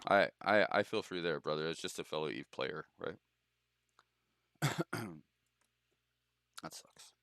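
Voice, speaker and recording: Young male streamer, crisp bright voice, loose and profane, laughs often, dry close mic. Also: low voice, unhurried, pauses often, no echo. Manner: loose, profane, laughs a lot, bro talk. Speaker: streamer hosting a game show. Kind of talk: casual gaming stream chat.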